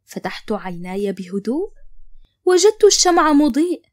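Female storyteller, somewhat high pitch, calm measured first-person narration.

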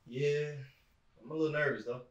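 A young man playing a nervous, easygoing brother, talking in a low-key, hesitant way. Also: fairly even intonation, normal speed, dull audio, lightly acted. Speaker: actor in an indie drama. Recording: echoey room, far from mic, faint noise.

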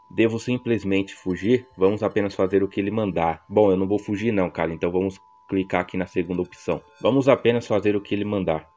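A man's voice: low-pitched, a little mellow, dull audio. A man in his twenties from Brazil with a São Paulo accent, reading a story game aloud and making casual, slangy asides to viewers. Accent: São Paulo Portuguese. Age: 20s. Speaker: gameplay narrator.

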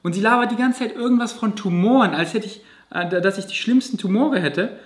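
A man's voice: high-pitched, fairly quick. A man vlogging, telling a personal story to camera in a vivid, emotional way with casual swearing. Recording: roomy echo.

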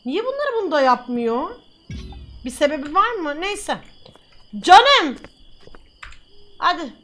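Woman streamer, high voice, brash mock-stern gameplay commentary, playful scolding. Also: sing-song, normal speed, faint music behind. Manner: loud bursts and teasing asides.

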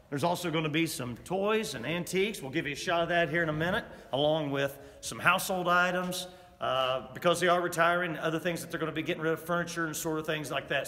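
A man's voice: on the high side, sharp tone. A middle-aged man, an auctioneer giving an upbeat sales walkthrough of items, filmed in a large barn. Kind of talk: promotional walkthrough. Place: large barn and indoor toy room. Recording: echoey barn with long reverb.

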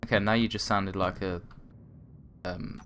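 A young man streaming a space building game, chatting and joking with a friend, laughing loudly and squealing. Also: sits low, fairly even intonation, measured pace. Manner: joking and playful, bursts into loud laughs and squeals. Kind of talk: casual gaming chat with a friend.

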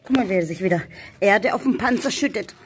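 A woman from Germany vlogs outdoors in a hot village yard, talking to her viewers and coaxing her animals with pet names. Her voice is medium in pitch and a little fast, and the recording is very noisy.

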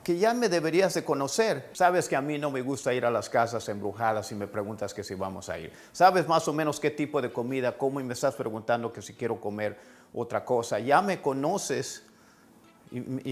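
A man teaching everyday English phrases in a casual lesson, repeating them slowly for practice. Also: medium pitch.

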